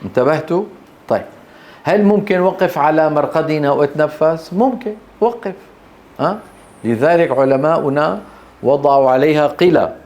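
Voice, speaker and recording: Levantine man teaching, fairly high voice. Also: a little mellow. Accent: Levantine Arabic. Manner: keeps checking attention with quick questions, answers his own questions. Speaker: Quran recitation teacher. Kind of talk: lecture on Quran recitation rules. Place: teaching hall.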